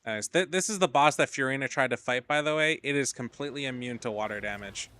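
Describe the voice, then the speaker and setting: A man's voice: medium pitch, fast, sharp tone. A man casually commentating his gameplay on a stream, rambling and swearing, getting tired as he plays. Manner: rambling, profane, drowsy asides. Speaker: game streamer.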